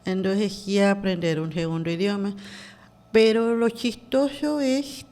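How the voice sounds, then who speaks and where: Woman guest, hesitant and halting, heavy on fillers. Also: mid-range voice, steady tone, a little mellow. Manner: hesitant, many fillers and restarts. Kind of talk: casual interview talk.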